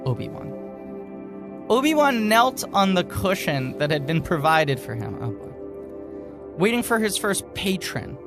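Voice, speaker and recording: This man's high-pitched, very animated voice keeps a measured pace as music plays beneath him. Co-hosting a podcast, he gives a mock-serious dramatic reading and slips into casual, amused asides.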